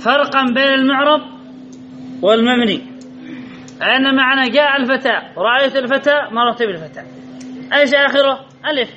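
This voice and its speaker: A man with a very high, bright and forceful voice teaches a grammar lesson to a classroom of students, talking fairly quickly but leaving long pauses. He drills each point by quizzing the students and repeating their answers over and over. The recording is dull and lo-fi, with faint background noise.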